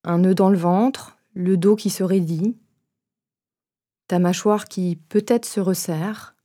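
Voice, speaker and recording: A woman leading a guided meditation, giving gentle, unhurried instructions in a soft voice with pauses between phrases. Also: on the low side, steady tone.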